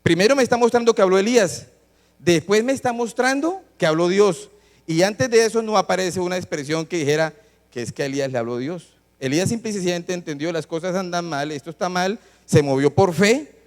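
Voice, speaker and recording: High-voiced man preaching in a reverberant church. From Colombia. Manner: teaching, asks the congregation questions, reads scripture aloud. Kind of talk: sermon. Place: church hall. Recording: long church-hall reverb.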